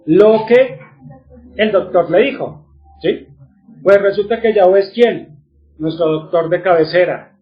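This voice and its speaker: Male religious teacher, high voice, lo-fi sound, asks questions and answers them himself. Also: a little slow, long pauses, soft background music.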